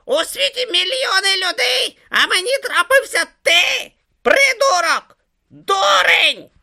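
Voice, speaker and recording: A reader voicing a tiny petulant tortoise god who whines, yells and snaps sarcastically in an audiobook. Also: expressive, moderate pace, exaggerated voice. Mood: shrieking tantrum. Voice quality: shrill, whiny, yelling. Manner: shrieking tantrums and sarcastic retorts. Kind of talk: audiobook character voice.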